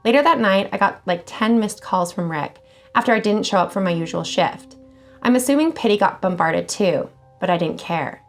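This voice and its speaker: A woman hosting a channel where she reads scary online stories aloud, expressive and casual, swearing now and then. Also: medium pitch, moderate pace, soft background music. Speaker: horror story channel host.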